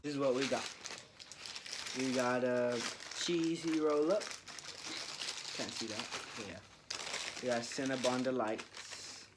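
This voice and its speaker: A man's voice: medium pitch, slow, long pauses, background noise. A young man, a new father, with a congested, froggy throat, chatting easily and rambling through a story in a vlog. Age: young adult. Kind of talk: casual chat over a mukbang.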